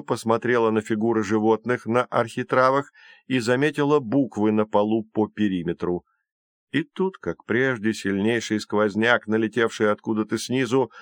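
A man narrating a children's adventure audiobook in a measured, expressive way. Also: on the low side, no room sound, studio quality. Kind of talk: storybook narration.

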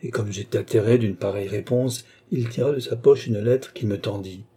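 A male audiobook narrator voices a grieving young woman as she confides her past, his pitch sitting on the low side. His tone is soft-edged and mellow with a husky grain, and the remorseful reading stays measured and confessional throughout.

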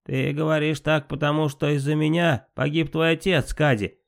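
A man's voice: on the high side, flat delivery, moderate pace, vocal fry, pitched above the performer's own voice. A man reading an audiobook, voicing a spiteful, insolent male trickster god of fire who talks back with scorn. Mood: defiant, mocking. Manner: mocking, defiant.

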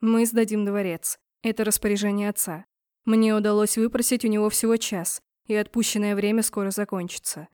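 A woman's voice: mid-range voice, a little mellow, no room sound, studio quality, lightly acted. A woman reading as a curt, stern young prince. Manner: short clipped phrases.

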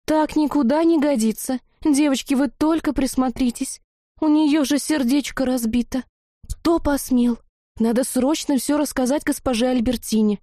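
A woman's voice: high-pitched, moderate pace, mellow, no room sound, clean studio sound, voice pushed up. A woman doing a swooning honey-haired witch. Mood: fussing. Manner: swooning, breathless.

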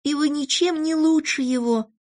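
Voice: high voice, expressive, a little slow, pitched above the performer's own voice. A storybook reader voicing a little girl who scolds indignantly.

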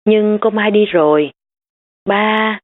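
A woman's voice: medium pitch, slow pace, voice pushed up. A woman reading the lines of a tearful, pleading young girl in an audiobook. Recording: tinny phone-like sound.

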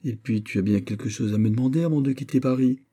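A male reader voicing a vain, excitable young prince in an audiobook. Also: mid-range voice, fast talker, pitched above the performer's own voice, natural voice. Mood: petulant. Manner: fussy, excitable, self-admiring. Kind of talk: audiobook character reading.

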